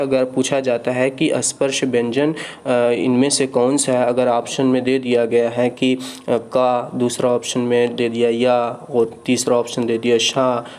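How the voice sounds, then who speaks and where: A man's voice: mid-range voice, darkish tone, slight background noise. A man teaching Hindi grammar in an online exam-prep lesson. He explains each point patiently and keeps checking in with "ठीक है".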